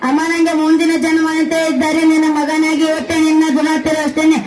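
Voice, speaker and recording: Young boy playing a defiant prisoner, declaiming in a high flat monotone, echoey hall. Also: fairly quick. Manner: declamatory, impassioned, flat singsong delivery. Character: defiant young male revolutionary facing execution. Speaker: school drama performer. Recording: echoey hall with a crowd behind.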